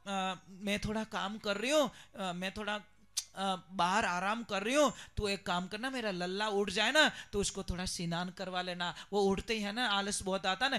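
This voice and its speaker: A soft, doting, pleading old village woman, as a preacher puts her on, very high and bright voice, devoted to her idol. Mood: gentle.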